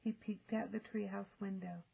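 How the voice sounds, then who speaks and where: An older woman reading a children's story aloud in an expressive, deliberate storytelling manner. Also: mid-range voice, gravelly, breathy edge, phone-quality sound. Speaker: storybook reader. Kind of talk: expressive children's audiobook narration.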